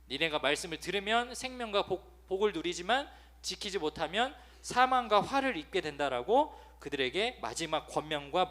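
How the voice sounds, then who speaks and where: Youngish guy preaching to teens, high bright voice that jumps all over, acts out nagging parents. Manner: animated, mimics nagging parents with sudden loud outbursts. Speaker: preacher to a youth congregation. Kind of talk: lively sermon with acted-out quotes.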